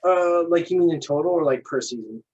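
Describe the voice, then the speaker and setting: An eager man rambles through a casual podcast chat at a rapid clip, restarting his sentences as he goes. His voice is husky, and the recording sounds dull and lo-fi. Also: on the high side, darkish tone. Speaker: podcast co-host.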